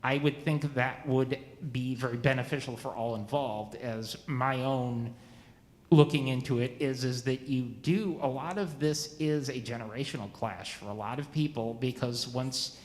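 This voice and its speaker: A man in his forties asking a new minister questions at a church meeting, halting and often restarting his sentences. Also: medium pitch, reverberant, in a large hall. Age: 40s.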